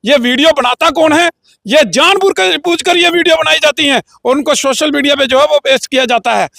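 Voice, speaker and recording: A man's voice: extremely high pitch, a little fast, creaky, sharp tone, dry recording, clean studio sound. A man as an interview guest giving a heated, combative political statement with frequent filler phrases. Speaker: interview guest, local group leader.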